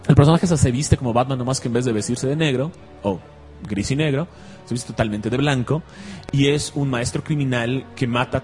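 A man's voice: mid-range voice, a little mellow. Chatty male radio host with music behind. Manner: chatty, jokey, laughs often. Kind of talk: casual radio chat about comics. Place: online radio studio.

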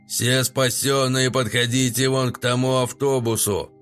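A hulking, gruff mercenary with a booming voice, read by a man in an audiobook. His delivery stays plain and close to a narrator's ordinary tone, at a middling pitch. Soft music runs underneath. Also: flat delivery, a little slow, lightly acted. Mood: commanding.

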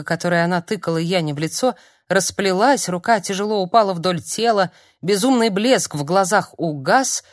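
A woman narrating an audiobook in a calm, measured reading. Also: fairly low pitch, dry recording, clean studio sound. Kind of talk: scripted narration.

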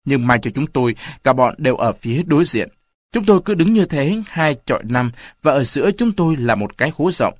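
A man narrating a story aloud in an expressive reading style. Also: medium pitch, brisk, no room sound. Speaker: audiobook narrator.

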